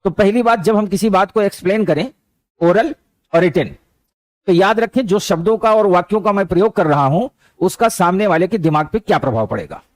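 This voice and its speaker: Speaking briskly in a high voice with no echo, a man delivers a motivational lecture full of storytelling. His tone stays conversational as he mixes anecdotes with the occasional English word.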